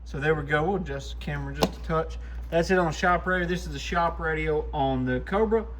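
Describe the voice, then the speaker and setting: A man hosting a repair shop channel narrates a hands-on demo informally and plainly. He speaks fairly quickly in a high, fairly bright voice, with lots of shop noise in the recording.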